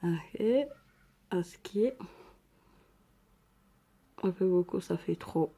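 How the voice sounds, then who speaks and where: A woman with an African French accent talks casually through a makeup tutorial, filling pauses with repeated little words and murmuring asides while she works. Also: lowish voice, fairly even intonation, dark tone, breathy edge. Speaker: makeup vlogger.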